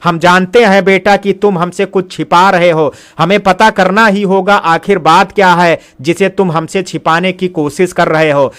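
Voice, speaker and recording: A man's voice: high voice, steady tone, normal speed, hardly any pauses, fairly bright tone, smooth. A man voicing a worried mother who earnestly reproaches her son in an audio story. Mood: reproachful.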